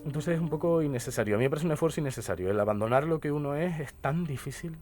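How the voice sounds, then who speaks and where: A man's voice: fairly high pitch, lively intonation, rapid-fire, a little mellow. A young man with a Canarian accent, a linguist and poet talking as a radio guest, explaining at length and often adding tag questions. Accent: Canarian Spanish. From Canary Islands. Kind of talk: radio interview conversation. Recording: radio studio with faint music behind.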